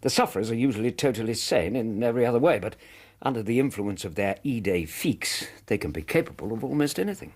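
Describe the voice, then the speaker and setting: Courteous Victorian English doctor, educated, reassuring, varied intonation, husky edge, radio drama. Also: male voice, medium pitch, expressive, darkish tone. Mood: thoughtful. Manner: measured, kindly explaining.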